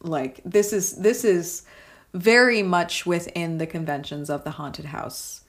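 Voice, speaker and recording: Chatty woman co-host, slightly low. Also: a little slow. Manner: chatty, filler-heavy, tags with "right?". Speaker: podcast co-host. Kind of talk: casual film discussion chat.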